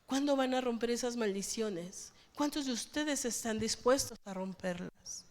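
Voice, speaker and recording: A woman's voice: on the high side, unhurried. A woman pastor preaching a sermon, pressing the congregation with rhetorical questions. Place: church. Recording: long church hall reverb.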